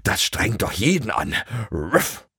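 A man's voice: on the low side, huge pitch swings, takes it slowly, gravelly, sharp tone, slightly rough, no echo, clean studio sound, exaggerated voice. A man voicing a cheerful, playful male dog in a storybook reading, panting and barking between his words. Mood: whiny. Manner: pants and barks between words.

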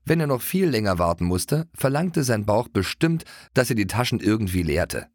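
A man narrating a children's audiobook in an expressive, playful way. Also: on the low side, normal speed, no room sound, clean studio sound. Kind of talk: scripted narration of a children's book.

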